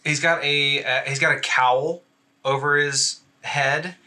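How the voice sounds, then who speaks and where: Bright-voiced man running a tabletop game. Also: a little high, fairly even intonation, takes it slowly. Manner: rambling, many fillers. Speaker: dungeon master.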